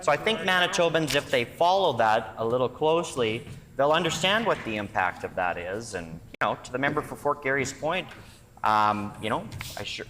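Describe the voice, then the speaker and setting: Forceful Canadian man in parliamentary debate. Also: medium pitch, slight background noise. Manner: combative, critical, emphatic. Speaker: opposition legislator. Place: large indoor legislative chamber. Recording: reverberant legislative chamber.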